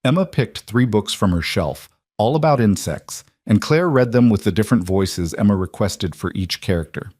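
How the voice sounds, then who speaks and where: A man reading a story aloud as narrator, in a measured storytelling manner. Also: lowish voice, animated, a little mellow, husky, dry recording, clean studio sound. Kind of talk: scripted narration.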